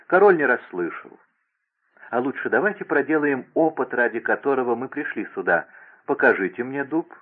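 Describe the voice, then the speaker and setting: A man's voice: mid-range voice, animated, normal speed, breathy edge, pitched above the performer's own voice. A man reading aloud and voicing an imperious, scheming young princess who gives orders in a raised, insistent voice. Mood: commanding. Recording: tinny phone-like radio broadcast.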